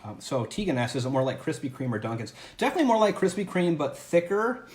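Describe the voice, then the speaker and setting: A man with a fairly high, darkish voice talks fast and with lively intonation while hosting a casual livestream from home. He's upbeat and chatty as he tries food, often restarting his sentences. The camera or phone mic picks up an echoey indoor room with faint background ambience.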